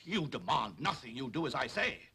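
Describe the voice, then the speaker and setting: An actor playing a stern, formal naval officer presiding over a court. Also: male voice, mid-range voice, sing-song, brisk, vocal fry, sharp tone, breathy edge, heavily acted. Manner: formal, stern, easily flustered. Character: pompous senior male naval officer.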